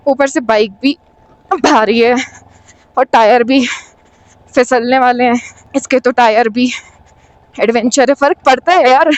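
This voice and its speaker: A woman's voice: high voice, dry recording, lo-fi sound. A woman motorcycle vlogger chatting casually as she rides outdoors on a mountain road, thinking aloud and calling everyone brother. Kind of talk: casual chat while riding.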